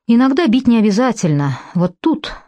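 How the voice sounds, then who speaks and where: A woman voicing a calm, weary monk who speaks in a matter-of-fact way, in an audiobook. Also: on the high side, moderate pace, dry recording, pitched above the performer's own voice.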